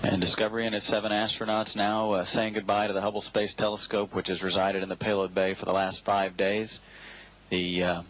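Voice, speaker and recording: A man provides live spaceflight commentary. His voice is fairly deep and very even in pitch. He speaks formally and carefully, with frequent hesitant pauses between phrases. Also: poor audio. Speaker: mission commentator.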